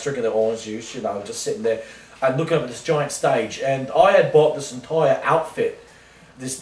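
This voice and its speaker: A man playing an oblivious washed-up rock singer in a mock interview, rambling deadpan through absurd tangents. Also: medium pitch, natural voice. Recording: roomy sound from a distant mic.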